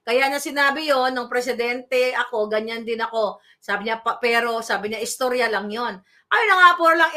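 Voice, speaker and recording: A woman giving animated, scolding political commentary, mixing in English phrases and asking her viewers for agreement. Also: a little high. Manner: animated, scolding, mixes Tagalog with English, asks "di ba?" often.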